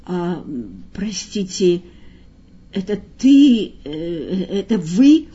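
A woman reading aloud and voicing a weary, gentle man who talks softly and hesitantly. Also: high voice, expressive, drawn-out words, slightly rough, lo-fi sound, heavily acted. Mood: subdued. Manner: soft, subdued, murmuring.

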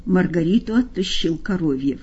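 A woman narrating an audiobook in a calm, measured storytelling manner. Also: fairly low pitch, husky. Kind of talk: audiobook reading. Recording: dull lo-fi recording.

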